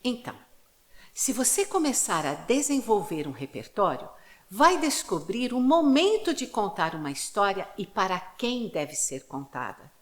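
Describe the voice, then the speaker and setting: A woman storyteller teaching a video lesson, explaining clearly and leading playful rhythm and word exercises. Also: mid-range voice, big pitch swings, a little slow.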